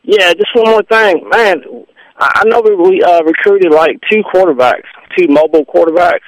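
Slightly high-voiced male radio caller. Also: moderate pace, no echo, low-quality recording. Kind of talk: casual sports chat.

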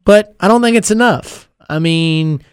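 A man's voice: high-pitched, measured pace, clean tone, no room sound, clean studio sound. A man co-hosting a casual sports talk show, laughing often as he gives his opinions.

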